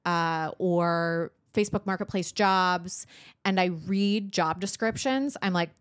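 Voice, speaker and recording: A woman co-hosting a casual business podcast, talking in a lively way, acting out little quotes and laughing often. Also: fairly low pitch, slow, clear, resonant tone, dry recording, studio quality. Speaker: podcast co-host, business owner.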